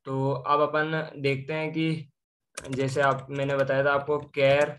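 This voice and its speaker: A man's voice: medium pitch, monotone, slow pace, fairly bright tone. A young man explaining programming step by step, asking and answering his own questions as he walks through examples. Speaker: programming tutor. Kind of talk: screen-share coding lesson.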